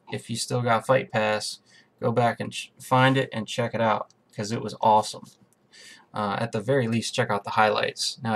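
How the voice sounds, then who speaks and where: A man's voice: mid-range voice, gravelly. A man hosting a podcast, chatting casually about upcoming fights, rambling and correcting himself as he goes. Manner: rambling, self-correcting, talks to listeners as guys. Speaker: podcast host. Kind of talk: casual fight preview chat.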